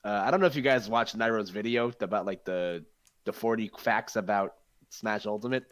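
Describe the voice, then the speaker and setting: A man's voice: on the low side, normal speed. Joking man on a gaming podcast. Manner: joking, loses his train of thought. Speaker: podcast co-host. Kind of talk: casual gaming podcast chat.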